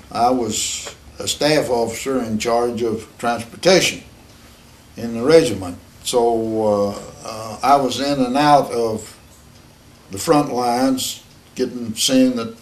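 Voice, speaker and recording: An elderly American war veteran recalls his experiences in an unscripted interview. He talks in a halting, plain-spoken, matter-of-fact way at a medium pitch.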